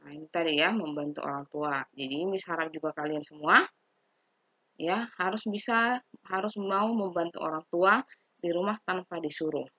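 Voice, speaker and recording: A woman's voice: on the low side, normal speed, pushed and bright, husky, no room sound. A woman religion teacher giving a recorded lesson to children, patient and repetitive, often checking in with them. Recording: dry, dull lo-fi sound.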